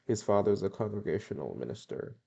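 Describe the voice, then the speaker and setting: A man's voice: lowish voice, animated, brisk, creaky, dark tone, breathy edge, highs cut off, exaggerated voice. A man reading the part of a placating young male college friend in a mild, reasoning tone.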